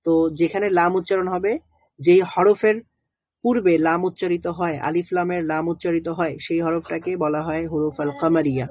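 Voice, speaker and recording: Husky teacher. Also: medium pitch, fairly even intonation, a little mellow, dry recording. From Bangladesh. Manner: patient, pauses to sound out letters and syllables slowly; hesitant with frequent drawn-out fillers. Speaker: Quran recitation teacher. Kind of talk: online lesson explaining letters.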